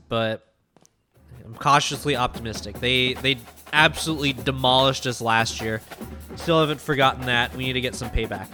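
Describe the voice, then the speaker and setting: A young man with a stuffy, nasal voice from a cold, giving casual commentary as he plays a football video game. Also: medium pitch. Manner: chatty, excited during play. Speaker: gaming YouTuber.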